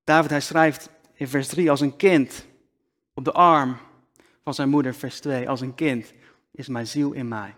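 A man preaching a sermon slowly and deliberately, often dropping to a near-whisper for emphasis, speaking into a microphone. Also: mid-range voice, steady tone, fairly bright tone. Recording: long hall reverb.

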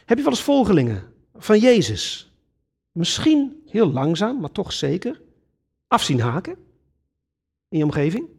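A man's voice: sits high, measured pace, vocal fry, pauses often, slightly rough. A man preaching a sermon, earnest and emphatic, addressing his congregation directly. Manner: earnest, lively preaching with sudden emphatic rises.

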